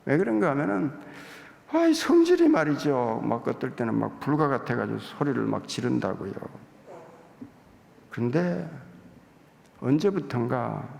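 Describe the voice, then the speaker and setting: A man's voice: medium pitch, big pitch swings, a little slow, vocal fry, long pauses, darkish tone. A male pastor giving a confessional, humorous sermon in a church sanctuary, with hall reverb.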